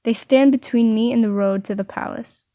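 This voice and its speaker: Woman reading a story aloud, high voice. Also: moderate pace, dark tone, no echo. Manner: playful asides between narration. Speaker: story reader. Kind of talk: reading a visual novel aloud.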